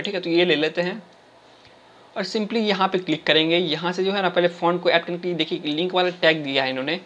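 Fast-talking high-voiced young man teaching code. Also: fairly bright tone, muffled recording. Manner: chatty, keeps tagging lines with "theek hai?". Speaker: coding tutorial host. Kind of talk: screen-recorded coding tutorial.

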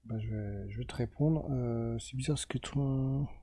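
A man's voice: mid-range voice, normal speed, dark tone. A French man explaining casually to the viewer as he draws a chart, rambling and correcting himself along the way. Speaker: self-help video host. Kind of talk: casual explanatory monologue while drawing a chart.

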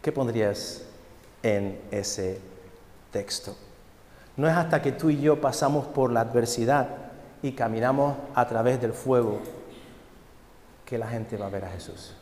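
A man's voice: mid-range voice, measured pace, pauses often, slight background noise. A male pastor, preaching a sermon and telling a story. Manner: storytelling, animated. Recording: echoey hall.

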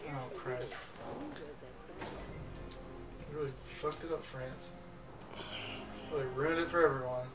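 A man's voice: medium pitch, fairly even intonation, takes it slowly, long pauses. A man chatting casually and sarcastically while playing a video game, complaining about the gameplay. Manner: sarcastic, complaining, laid-back. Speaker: player. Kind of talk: casual let's play chat. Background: game music.

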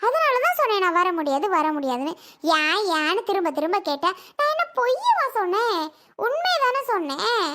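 A quarrelsome young woman who insists she spoke only the truth and demands money from her brother, as played by a woman. Her voice sits very high and bright, and her delivery is shrill and defiant throughout this family skit. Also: full character voice.

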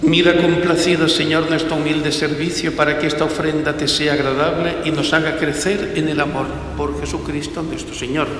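A priest, preaching and praying at Mass in an earnest, measured way, heard in a cathedral echo. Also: male voice, fairly high pitch, level tone, a crowd in the background. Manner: earnest, measured preaching with emphatic slow phrases. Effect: cathedral echo, long church reverb. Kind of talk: homily and liturgical prayers. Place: large church. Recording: echoey church with long reverb, faint noise.

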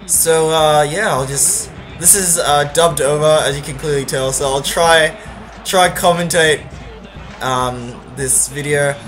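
A man's voice: fairly high pitch, unhurried, a bit bright, faint music behind. A man commentating a football video game in a casual, rambling voice-over with many fillers. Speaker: gaming channel host.

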